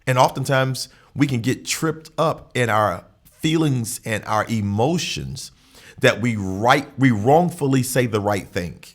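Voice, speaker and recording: A man's voice: medium pitch, lively intonation, measured pace. A man hosting a podcast, giving an earnest, preacher-like motivational monologue and repeating phrases for emphasis. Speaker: podcast host.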